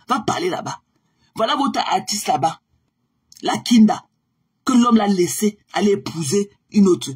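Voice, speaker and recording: A woman's voice: on the low side, a little mellow, husky. A woman, ranting confrontationally on a live stream and dropping in English phrases. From Cameroon. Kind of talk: heated live-stream rant.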